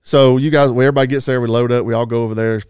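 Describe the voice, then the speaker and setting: A man's voice: mid-range voice, steady tone, very fast, a little mellow, clean tone, no room sound, clean studio sound. A man telling a long hunting story in a rambling, folksy way, laughing at himself now and then. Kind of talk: casual storytelling.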